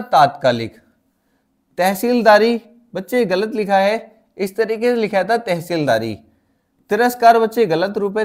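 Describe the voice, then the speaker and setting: A man's voice: sits high, darkish tone. A male teacher giving an exam-prep spelling lesson, steadily explaining and calling his students "kids" again and again.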